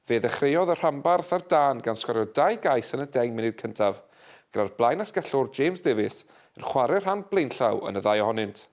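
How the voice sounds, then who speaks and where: A man reads a local news bulletin in a measured, scripted way. His voice sits at an ordinary middle pitch, and the delivery stays steady and even from one item to the next. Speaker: news presenter.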